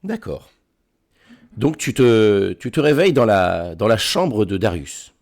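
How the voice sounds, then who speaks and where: A man narrating a tabletop role-playing game as game master, halting and often repeating words. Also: on the low side, animated, gravelly, darkish tone.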